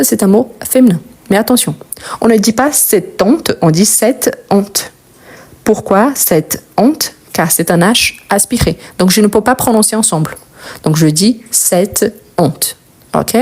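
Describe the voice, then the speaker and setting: A young woman from Brazil, Portuguese by mother tongue, works as a French grammar teacher and slowly repeats example words for the class. Her voice sits mid-range with a darkish tone.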